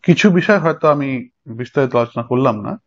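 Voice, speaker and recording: A man's voice: mid-range voice, lively intonation, a little fast. Man lecturing students over dull audio. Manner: explanatory, checks in with students. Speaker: teacher. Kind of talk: recorded lecture. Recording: dull lo-fi sound.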